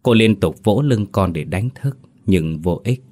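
A man hosting and narrating a scripted horror story in a steady, measured way. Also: low-pitched. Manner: steady, measured storytelling with hesitant asides in the intro. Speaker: host and narrator.

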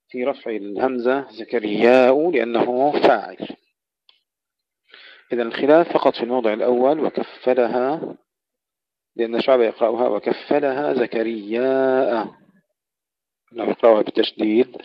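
A man teaching Quran recitation rules, explaining variant readings and slowing down to recite example verses. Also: mid-range voice, creaky, no echo. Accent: Arabic. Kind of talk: tajweed lesson with recited verses. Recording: dull, dry lo-fi audio.

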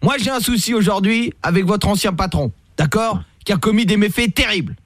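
A man playing a hot-tempered shouting police commissioner. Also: sits high, expressive, fairly quick, dry recording, clean studio sound, pitched above the performer's own voice. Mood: yelling. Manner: barks orders, shouts and threatens. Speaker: prank caller, radio host. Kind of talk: prank phone call acting.

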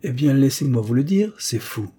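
A man voicing a gruff, skeptical old English pioneer who talks bluntly and with irony in a read-aloud story. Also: mid-range voice, animated, normal speed, dark tone. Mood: scornful. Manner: blunt and ironic.

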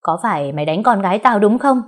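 A woman voicing a domineering middle-aged stepmother who scolds loudly in an audio story. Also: mid-range voice, lively intonation, normal speed, breathy edge. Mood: scolding. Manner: loud, scolding.

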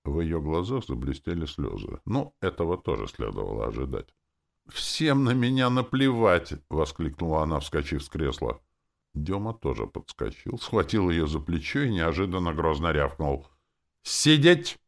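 A man narrating a first-person audiobook in an expressive storytelling manner. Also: very deep voice, moderate pace, creaky.

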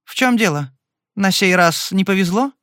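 An icy, spiteful young woman at the card table, voiced by a male narrator. He lifts his voice high for her, and the words come out haughty and sharp. It is dry and close, like a storybook read at the mic. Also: sing-song, fairly quick, no echo. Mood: cold haughty. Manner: icy, haughty, rising to shrill.

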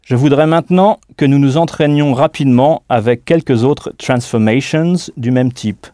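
A man teaching a scripted audio language lesson, speaking clearly and deliberately and spelling out words letter by letter. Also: medium pitch, warm tone, dry recording, clean studio sound.

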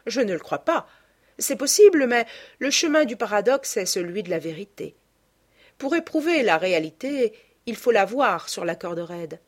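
A woman voicing a cultured, quiet old gentleman who speaks in a musing, plaintive way. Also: mid-range voice, sing-song, moderate pace, voice pushed up.

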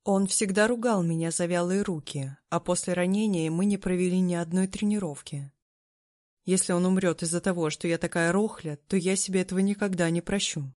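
A woman reading a novel aloud as first-person scripted narration, in a steady, even storytelling manner. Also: lowish voice, a little fast, no echo, studio quality. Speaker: audiobook narrator.

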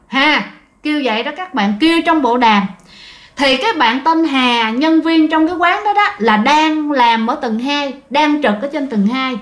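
A woman tells a ghost story in a casual, chatty way. Her voice sits high, and she talks straight to her listeners, repeating words for effect.

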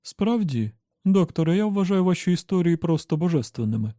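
Man doing a sugary gushing young woman, higher voice, dry sound. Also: sing-song, fairly quick, mellow, dry recording.

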